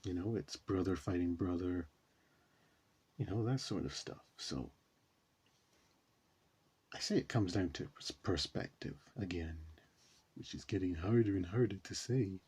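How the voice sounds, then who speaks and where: A man's voice: deep voice, a little slow, long pauses, darkish tone, slightly rough. A man hosting a reaction video, talking casually and rambling with many fillers. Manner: rambling, says you know a lot.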